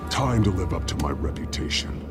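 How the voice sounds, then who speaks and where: Menacing masked detective, very deep growl, terse, video game, heavy score behind. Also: male voice, animated, brisk. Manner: terse, clipped, threatening. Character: grim, menacing male masked vigilante detective, intimidating interrogator. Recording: loud game music behind the voice.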